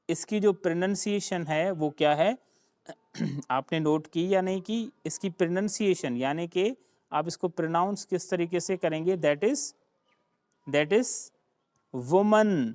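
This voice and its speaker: Slow, clear-voiced male teacher. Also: a little high, a little mellow, no echo, clean studio sound. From Sindh, Pakistan. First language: Sindhi. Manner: spells words out slowly and repeats them, calls listeners "beta". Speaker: English teacher. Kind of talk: classroom grammar lecture.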